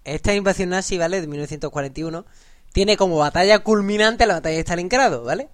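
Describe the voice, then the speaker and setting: A man, co-hosting a casual podcast and telling history stories in a lively way, often checking in with "¿vale?". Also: high voice, quick pace. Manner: lively storyteller, peppers talk with "¿vale?" and slang. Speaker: podcast co-host.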